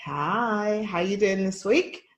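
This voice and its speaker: A woman's voice: medium pitch, expressive, slow pace. Chatty London woman, echoey room. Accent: London English. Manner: chatty, laughs easily. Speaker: podcast co-host. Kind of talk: casual chat.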